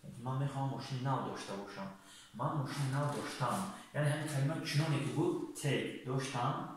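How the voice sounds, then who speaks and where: A man with a Tajik accent teaching an online English lesson, explaining haltingly with many fillers and reading English sentences slowly and deliberately. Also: medium pitch. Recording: very echoey room, voice off-mic, faint noise.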